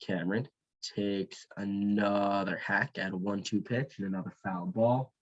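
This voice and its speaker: Low-voiced man calling baseball, dull sound. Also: steady tone, normal speed. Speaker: baseball play-by-play commentator. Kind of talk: baseball play-by-play commentary.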